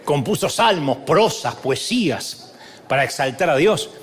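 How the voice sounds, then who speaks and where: A middle-aged man with an Argentine accent delivers a humorous sermon to a live congregation. His voice sits high for a man and leaps across a wide pitch range as he mimics churchgoers and jokes with the crowd. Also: expressive, measured pace. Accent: Argentine Spanish. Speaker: preacher.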